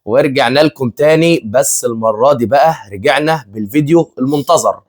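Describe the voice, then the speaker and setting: Talking to his audience in a relaxed way, this twenty-something vlogger with an Egyptian Arabic accent co-hosts a family channel, laughing a lot and saying things more than once. He speaks a little fast in a mid-range voice.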